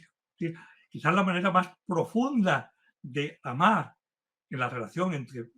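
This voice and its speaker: A man lecturing on philosophy in an earnest, insistent way. His voice sits a little high for a man, and he leans hard on key words as he builds toward each point. It sounds like a formal talk given to a remote audience. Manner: earnest, emphatic, building intensity as he warms up. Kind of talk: university-style lecture. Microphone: remote talk to a virtual audience.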